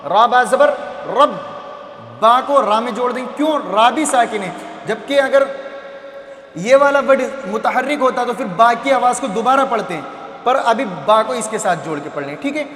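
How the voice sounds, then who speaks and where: A man's voice: extremely high pitch, moderate pace, a bit bright. A man teaching how to read Arabic letters, patiently repeating syllables and asking and answering his own questions. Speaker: Quran reading teacher. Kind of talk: slow phonics lesson on Arabic letters. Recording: echoey hall with faint ambience.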